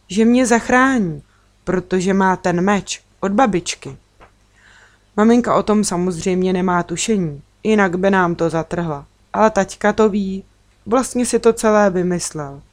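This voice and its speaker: A woman reading a children's book aloud in a calm, measured storytelling voice. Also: mid-range voice. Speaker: narrator.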